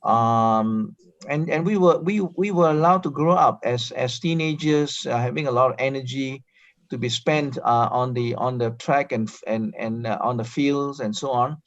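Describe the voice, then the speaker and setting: A man's voice: mid-range voice, normal speed, dry recording. Hesitant man on a dull video call. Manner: hesitant, many ums and uhs, repeated words. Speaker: panel guest. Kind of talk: webinar panel reminiscence.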